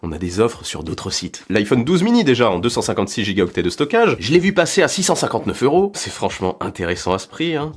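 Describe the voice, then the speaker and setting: A young man, sick and recovering, presenting tech deals in a vlog with playful self-mocking asides. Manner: playful self-mocking asides, lively swings between high and low. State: sick, recovering under a duvet. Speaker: tech YouTuber.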